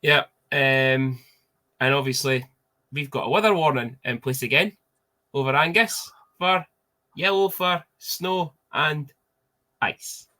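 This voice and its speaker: Young man, broad Scottish accent, sharp bright voice, informal sweary podcast hosting, sports chat. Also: a little high, slow pace. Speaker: podcast host.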